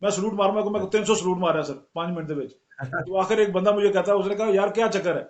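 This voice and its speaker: A man's voice: sits high, fast talker, echoey room, lo-fi sound. A man, a former soldier, telling army anecdotes in conversation and acting out the people he quotes. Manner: animated storyteller acting out quoted voices. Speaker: guest, retired soldier.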